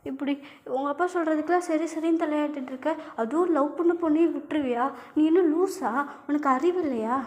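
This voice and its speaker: Young girlfriend, emotional and scolding, high raised voice, spoken story, narrator acting it. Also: slow, long pauses, dark tone. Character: young woman in love, upset and scolding. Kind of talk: spoken fan-fiction storytelling.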